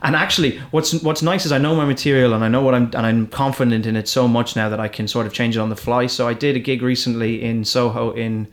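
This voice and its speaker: Talking fast with few pauses, this Irish man, a stand-up comic, rambles through his stories in casual chat, backing up to restart now and then. His pitch is mid-range and his intonation fairly even.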